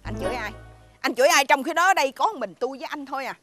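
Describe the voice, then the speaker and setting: A prim, preachy Southern neighbor. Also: female voice, high voice, animated, very fast. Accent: Southern Vietnamese. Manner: exaggerated, sing-song, squealing outbursts. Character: prim woman neighbor preaching patience, easily riled. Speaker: comic actress in a TV sketch. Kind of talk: TV comedy sketch acting. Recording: music bed under the dialogue.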